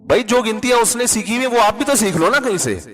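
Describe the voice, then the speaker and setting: A man's voice: very high voice, animated, a bit bright. A man preaching a sermon as a mufti, chatty and teasing, often asking listeners if he is right and quoting Arabic scripture.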